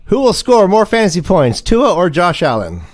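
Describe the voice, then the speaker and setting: This livestream host is a man with a high, sing-song voice and a moderate pace. He runs a casual fantasy football show, bantering and making announcements with jokey, theatrical emphasis.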